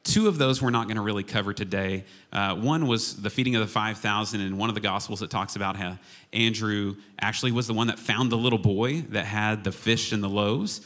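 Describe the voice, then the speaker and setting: Man, low voice, pastor from Oklahoma, informal humorous sermon, chatty, self-deprecating. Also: fairly quick, a bit bright. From Oklahoma, United States. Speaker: worship and media arts pastor, guest preacher. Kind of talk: casual, humorous sermon to a congregation.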